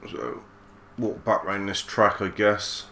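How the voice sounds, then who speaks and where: A man giving relaxed let's play commentary, musing aloud with mild swearing. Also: fairly low pitch, slow, gravelly, a little hiss or hum. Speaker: gaming channel host.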